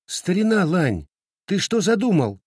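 A man voicing a bold, quick-tempered village girl who talks in an excitable, high, sharp way. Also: no echo, clean studio sound. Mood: agitated.

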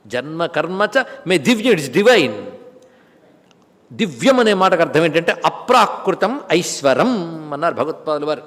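Animated high-voiced man preaching in a hall. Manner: animated, swings between loud exclamations and soft asides, chants Sanskrit verses slowly. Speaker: spiritual discourse speaker. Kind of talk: devotional sermon on scripture.

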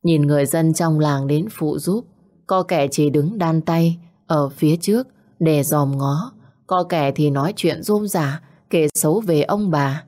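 Low-voiced woman narrating a somber story. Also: unhurried, warm tone. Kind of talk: scripted narration of an audio story.

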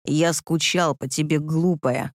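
A woman voicing a domineering man in an audiobook, speaking in a low, husky, commanding murmur. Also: fairly even intonation, unhurried, dry recording, studio quality. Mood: husky whisper. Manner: hushed, commanding. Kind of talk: audiobook character voice.

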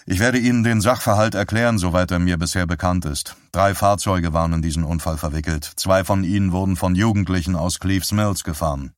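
A reserved male police sergeant, voiced by a male reader delivers news in a measured, formal tone. His voice is deep and the recording is dry and close, in the manner of an audiobook. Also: fairly even intonation, no echo, natural voice.

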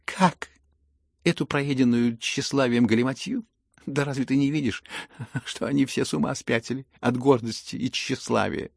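A man voicing a hot-tempered, imperious older noblewoman in an audiobook, with sharp scolding outbursts and a gravelly, husky voice. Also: medium pitch, steady tone, moderate pace, no room sound, clean studio sound, voice pushed up. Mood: scornful. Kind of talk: audiobook character reading.

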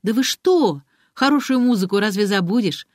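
Woman reading young female chef, talkative, cheerful, lively, kind, raised pitch, dry recording. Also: normal speed, no room sound, lightly acted. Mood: eager. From from Rostov.

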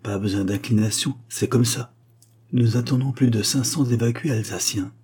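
A man's voice: mid-range voice, normal speed, mellow, breathy edge, close to an everyday voice. A man voicing a curt village mayor.

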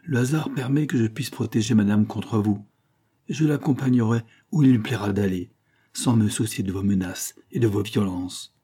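Guy reading as a brave young hunter, steady earnest voice, low and a bit husky, audiobook. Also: normal speed.

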